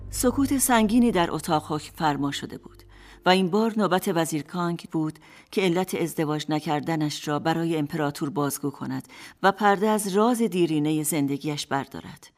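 A woman narrating a radio drama fairy tale in calm, scripted storytelling. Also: sits low. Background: faint music.

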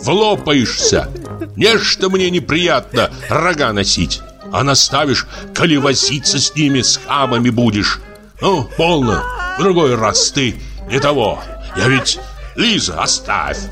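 A man voicing a drunk, jealous husband who shouts, scolds and rants at his wife in an audiobook. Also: mid-range voice, sing-song, measured pace, over music, voice pushed up. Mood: scolding. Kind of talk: audiobook character voice.

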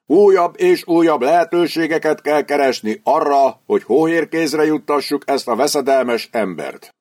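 A man's voice: on the high side, a little mellow, pitched above the performer's own voice, natural voice. A man doing a stiff, cold army lieutenant. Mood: coldly urging. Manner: stiff formal military reporting. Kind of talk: audiobook character voice.

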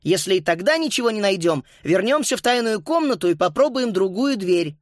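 A man's voice: high-pitched, lively intonation, a little fast, dry recording, studio quality, voice pushed up. A man voicing a bossy, decisive schoolgirl who urges the class on. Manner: commanding.

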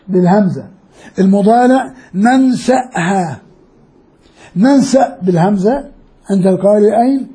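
A man teaches a class, his voice very high yet very dark and mellow. He explains grammar step by step, drawing out key words slowly. He keeps checking in with questions to his students. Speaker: Islamic studies lecturer. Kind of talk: classroom lecture on Quran readings and grammar.

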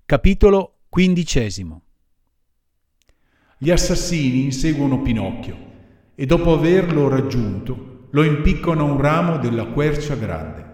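A man's voice: medium pitch, expressive, moderate pace, a little mellow, slightly rough, no room sound, clean studio sound. A man reading a classic children's story aloud with dramatic, varied delivery. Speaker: audiobook reader. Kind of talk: expressive storybook narration.

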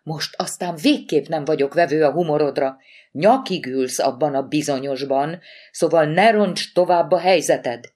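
A woman reading an audiobook voices a sharp, irritated wife who heads a medical examiner's office, with a clipped, reproachful delivery. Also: sits low.

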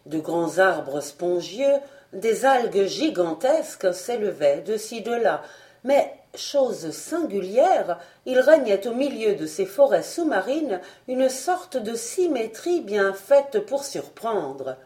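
A woman reading an audiobook aloud as scripted narration, measured and expressive. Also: medium pitch. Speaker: audiobook reader.

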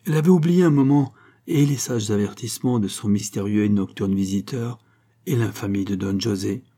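Husky, dark-voiced male narrator. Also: fairly low pitch, fairly quick. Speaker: audiobook narrator. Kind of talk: scripted narration of a classic novel.

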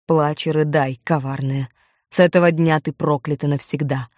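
A woman's voice: fairly even intonation, moderate pace, a little mellow, no room sound, clean studio sound, close to an everyday voice. Stern accusing man, as a woman puts him on. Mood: condemning. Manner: low, grave and condemning.

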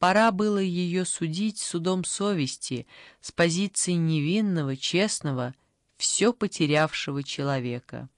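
Dry, lively audiobook narration. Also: medium pitch, measured pace, no room sound. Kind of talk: audiobook reading.

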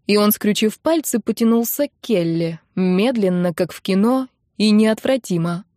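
A woman narrating an audiobook in a lively, expressive storytelling manner. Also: mid-range voice, normal speed, dry recording, studio quality. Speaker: audiobook reader.

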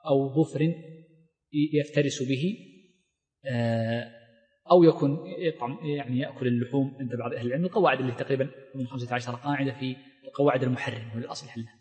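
Fast-talking scholar teaching in a reverberant hall. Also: male voice, medium pitch, a little mellow. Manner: reads a line of the text aloud, then explains it at length with fillers and restarts. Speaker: Islamic scholar teaching fiqh. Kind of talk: recorded lesson explaining a legal text.

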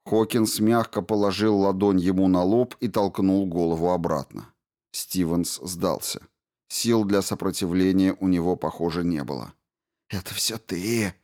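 A man narrating a science fiction audiobook in an even, measured reading. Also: low-pitched. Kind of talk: scripted narration.

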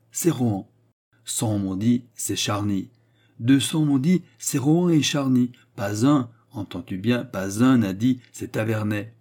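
A man's voice: fairly low pitch, vocal fry, mellow. A man voicing a scheming, garrulous old male baron who needles his son, in an audiobook reading. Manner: sly, needling, boisterous. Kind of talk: audiobook character voice.

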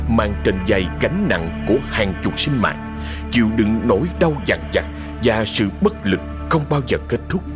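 A man narrating a sad ghost story in a slow, dramatic storytelling manner. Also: fairly low pitch. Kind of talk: scripted horror story narration. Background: music.

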